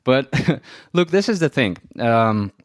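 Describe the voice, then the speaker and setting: A man's voice: medium pitch, big pitch swings, takes it slowly, no echo, clean studio sound. A man hosting an interview podcast, sometimes repeating words as he searches for the phrasing. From Armenia. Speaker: podcast host.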